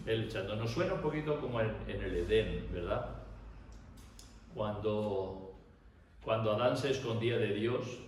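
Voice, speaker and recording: A man preaching, his lowish voice ringing through a very echoey church hall. He speaks from some distance to the mic, leaning on rhetorical questions and tag questions, with a faint hiss underneath. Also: a little mellow. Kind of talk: sermon.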